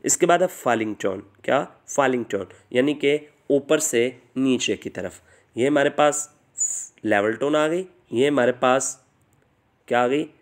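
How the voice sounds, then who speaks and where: Male voice-over teacher, mid-pitched, quizzes himself and repeats key words. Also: measured pace. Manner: asks himself questions and repeats answers. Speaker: language teacher. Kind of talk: online lesson narration.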